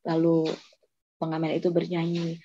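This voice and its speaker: A woman's voice: fairly low pitch, monotone, moderate pace, warm tone. A woman telling her personal testimony in an earnest, emotional way. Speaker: testimony giver. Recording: slightly dull lo-fi audio.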